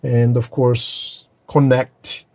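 A flight sim hobbyist talks viewers through starting up his home cockpit, clicking through screens in a chatty, casual tutorial. His mid-range, gravelly voice has a darkish, level tone and drawn-out words, recorded on a phone held or mounted nearby in the sim room.

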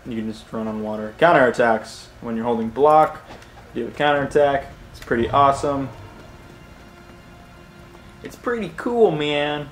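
A man's voice: mid-range voice, fairly even intonation, brisk, slight background noise. A man giving casual gameplay commentary, rambling and joking and correcting himself as he goes. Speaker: let's play host. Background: game music and sounds.

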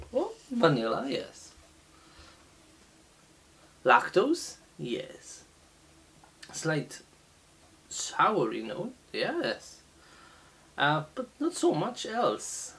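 Middle-aged guy tasting beer on camera, slow and halting, pitch jumps around a lot. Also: huge pitch swings, creaky, fairly bright tone. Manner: slow, halting, many fillers and restarts. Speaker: beer reviewer. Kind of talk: casual beer tasting review. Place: small indoor room, seated at a table.

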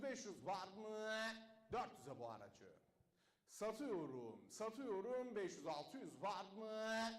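A man working as a car auctioneer, rattling off bid after bid in a rapid chant and dropping his voice low each time he names the standing price. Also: roomy sound. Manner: rattles off bids in a fast chant, drops low to call the price.

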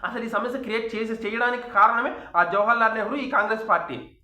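A man's voice: very high voice, fast, sharp tone, reverberant. A man with a Telugu accent, a YouTube commentator delivering a heated, scolding political opinion monologue full of rhetorical questions.

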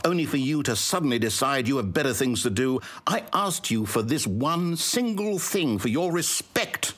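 Narrating a video game, a fussy and self-important British storyteller delivers theatrical, articulate lines with dramatic swings in pitch and a husky edge to his voice. He comes across as equally wry and needy, and his mood is indignant.

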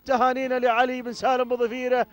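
A man's voice: very high voice, monotone, rapid-fire. A man calling a race live in a chanting style, repeating his congratulations. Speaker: race commentator. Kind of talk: excited live race commentary.

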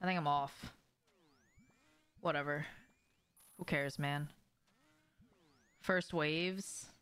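Her voice low, steady and smooth with a fairly bright tone, a young woman talks extremely slowly while streaming a game indoors from a small home room. She chats offhand with viewers, swears freely and often poses questions.

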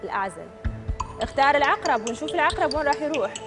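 A woman hosting a televised quiz show from a studio, reading out questions and answer options crisply and upbeat. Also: sits high, lively intonation, racing. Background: show music.

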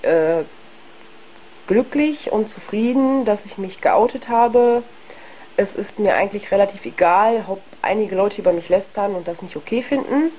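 A young woman talking frankly and haltingly in a casual video monologue, ill with flu, her worn, husky voice giving out. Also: medium pitch, warm tone, low-quality recording. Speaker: video blogger. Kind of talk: casual personal monologue to camera.

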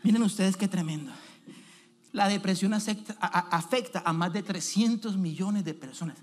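A man's voice: sits high, moderate pace, a little mellow. A man preaching a sermon as an evangelist in a church, speaking emphatically and asking the congregation direct questions.

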